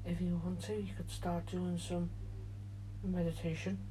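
A man speaks as a meditation guide, soft and hushed. His tone is mellow and relaxed, with very little rise and fall. He goes slowly and soothingly, leaving long gaps between phrases. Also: high voice, slight background noise, poor audio. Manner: soothing, gentle, drawn-out delivery with long pauses. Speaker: podcast host and meditation guide.

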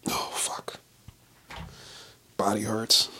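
A man in his late twenties whispers very slowly in a sharp tone, delivering a casual, rambling monologue. He swears a lot, keeps restarting his sentences, and laughs at himself often.

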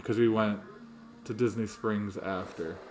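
A man's voice: fairly low pitch, steady tone, unhurried, darkish tone, slight background noise. A man co-hosting a casual podcast, rambling through his thoughts with many ums and restarts. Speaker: podcast co-host. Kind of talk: casual chat.

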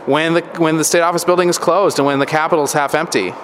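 A man's voice: a little high, fairly even intonation, fast talker, fairly bright tone. American man hosting in a big echoing hall. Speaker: podcast host. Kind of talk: conversational interviewing and commentary. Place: echoey, nearly empty state capitol hall. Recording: echoey big hall, faint background noise.

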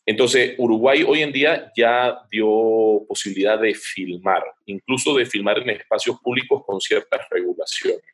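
A man's voice: fairly low pitch, moderate pace, hardly any pauses. Man explaining with frequent hesitations. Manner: thinks aloud with frequent hesitations. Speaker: guest, advertising director. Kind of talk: explanatory interview talk.

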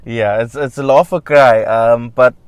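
A man's voice: mid-range voice, fairly even intonation, a little slow, smooth, dry recording. A man, a musician answering interview questions in a loose, rambling way with many fillers and the odd wry laugh. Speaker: musician guest.

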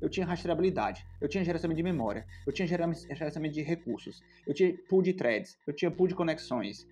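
This tech podcast co-host, a man with a Brazilian accent, states his views forcefully and fires off rapid lists in a casual setting. His fairly high, darkish voice has lively intonation, and faint music plays behind him.

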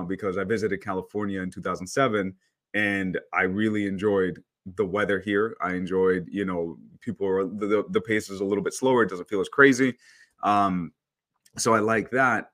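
Low-voiced man in his thirties, chatty. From El Salvador. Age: 30s. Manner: chatty, storytelling, relaxed. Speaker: photographer guest. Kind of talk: casual interview talk.

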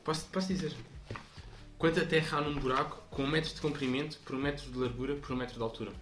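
A young man with a European Portuguese accent co-hosting a podcast, joking in quick, casual banter. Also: on the high side, steady tone, a bit bright, faint music behind. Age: young adult. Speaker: podcast co-host. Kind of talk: casual chat. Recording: echoey room with faint noise.

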